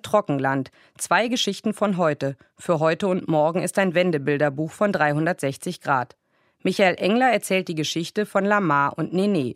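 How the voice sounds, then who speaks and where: A woman presenting a scripted book review on the radio in an even, measured way. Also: lowish voice, no echo, clean studio sound.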